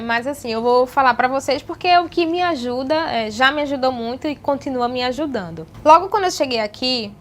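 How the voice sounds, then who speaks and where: Woman, young adult, high voice, casual vlog chat, lots of fillers. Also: fairly bright tone. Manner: chatty, repeats "então, assim", many fillers. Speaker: vlogger giving language-learning tips.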